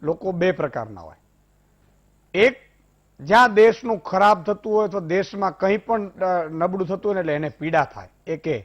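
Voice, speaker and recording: High-voiced impassioned Gujarati news anchor. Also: male voice, expressive, normal speed, highs cut off. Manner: impassioned, rhetorical, shifts from loud to hushed storytelling. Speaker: TV debate anchor. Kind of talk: animated TV debate hosting with a folk story.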